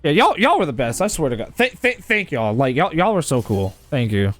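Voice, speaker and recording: A man's voice: fairly high pitch, big pitch swings, fairly quick, fairly bright tone, faint music behind. A man hosting a live gaming stream, chatting casually with viewers, often repeating and restarting his words. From United States. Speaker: livestream host.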